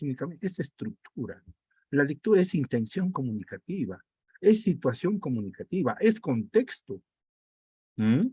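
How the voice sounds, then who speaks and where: Male teacher with a sore, husky throat; dry sound, slow unhurried pace. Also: mid-range voice, darkish tone, no echo. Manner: reads text aloud, then breaks it down with rhetorical checks. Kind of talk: online reading comprehension class.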